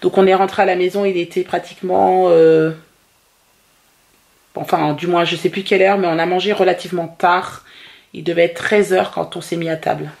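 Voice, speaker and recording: A woman chatting casually about daily family life as a vlogger, with a gravelly, creaky voice. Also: lowish voice, little pitch movement, moderate pace, darkish tone. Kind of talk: casual vlog chat.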